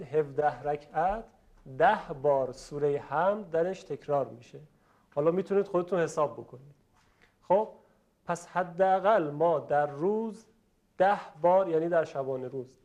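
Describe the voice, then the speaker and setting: Polite man teaching recitation, slightly high. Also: a little mellow, lo-fi sound. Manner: slow, drawn-out model pronunciations; polite, questions the class. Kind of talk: classroom lesson on letter pronunciation.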